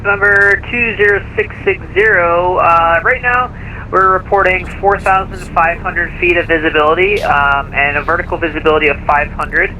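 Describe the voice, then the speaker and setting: A man's voice: high-pitched, moderate pace, sharp tone, low-quality recording. A man working as an air traffic controller, giving procedural, helpful instructions as heard over a pilot headset radio. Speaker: air traffic controller in an online flight simulation. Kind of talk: radio ground control phraseology.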